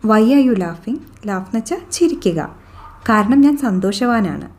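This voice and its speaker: Slow, mellow-voiced woman teaching English phrases. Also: mid-range voice, expressive. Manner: slow, deliberate, repeats each English sentence twice. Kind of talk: bilingual phrase drill lesson.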